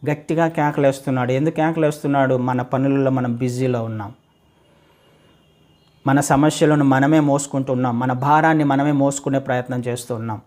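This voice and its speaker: A man delivers a sermon, speaking directly to his listeners and putting rhetorical questions to them. He repeats phrases in building series and swings between loud calls and low, slow stretches.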